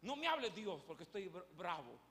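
Preacher doing jonah, a whiny furious prophet, high strained gravelly shouting, church echo. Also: male voice, sing-song, fairly quick, heavily acted. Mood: angry. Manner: petulant, shouting, whining complaints. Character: sulking angry prophet Jonah, grown man. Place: church hall. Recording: echoey church hall.

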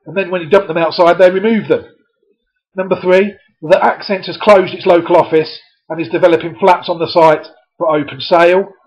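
A man presenting for a community media channel, reading a letter aloud and breaking in with sarcastic, scoffing asides. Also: on the high side. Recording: dull lo-fi recording.

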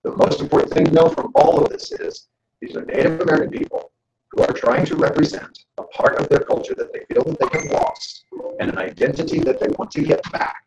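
A man giving a joking, animated lecture to an audience as a guest speaker. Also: a little high, a little fast, vocal fry, roomy sound, slight background noise, rough recording. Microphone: camera.

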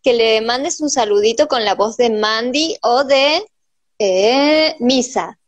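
A woman hosts the show and reads viewer messages aloud in a chatty way. Her voice is high. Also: takes it slowly. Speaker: host.

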